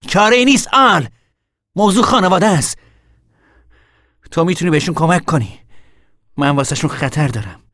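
A man's voice: long pauses, no room sound, studio quality. An actor playing a weary young man on the run who talks in a tired, grim way. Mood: earnest. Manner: tired, grim, low-voiced.

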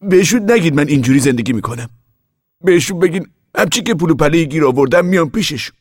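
Man voicing a lonely farmer, raised pitch, wistful, dry recording. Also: lively intonation, dry recording. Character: lonely middle-aged man left behind on land.

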